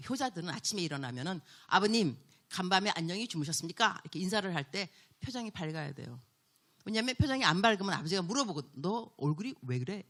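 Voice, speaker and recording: Animated Korean woman preaching a revival sermon. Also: mid-range voice. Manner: animated storytelling, acting out quoted voices. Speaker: missionary preacher. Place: church sanctuary.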